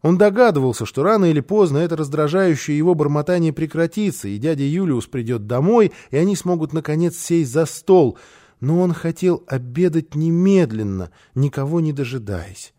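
A man narrating a children's storybook with an expressive, animated reading. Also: fairly high pitch, normal speed. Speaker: audiobook reader.

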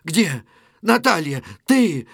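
A man reading a play aloud, voicing a violent young thief who shouts in anger. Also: sits high, very animated, slow pace, vocal fry, slightly rough, no room sound, studio quality, heavily acted. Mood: furious. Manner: harsh, angry shouting.

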